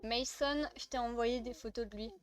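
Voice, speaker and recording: A woman's voice: a little high, fairly even intonation, normal speed, a crowd in the background. A young woman with a French accent streaming a life-sim game, chatting casually and gushing as she reacts to her chat. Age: young adult.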